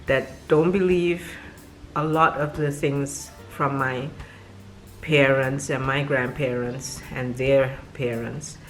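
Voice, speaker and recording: A young woman with a West Indian Caribbean accent, talking to camera in a slow, drawn-out way with dips in volume. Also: rumbling low, steady tone, soft background music. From West Indies. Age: young adult. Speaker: vlogger. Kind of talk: casual storytelling to camera.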